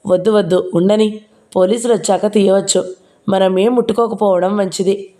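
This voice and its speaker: A woman voicing a calm, careful husband who speaks gently and measuredly while breaking bad news. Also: mid-range voice, moderate pace, lightly acted.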